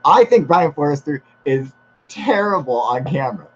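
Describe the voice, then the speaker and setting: Profane, excitable man hosting a stream. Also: fairly high pitch, moderate pace. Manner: profane, excitable, laughs often. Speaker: host of a live UFO stream. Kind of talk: casual live-stream chat. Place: outdoors in humid air. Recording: slightly dull with faint hiss.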